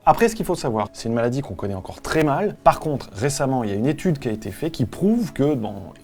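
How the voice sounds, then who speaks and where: A man playing a solemn, awkward doctor who gives grave news in a deadpan, hesitant comedy-sketch delivery. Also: medium pitch, fast, creaky. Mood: earnest, explanatory.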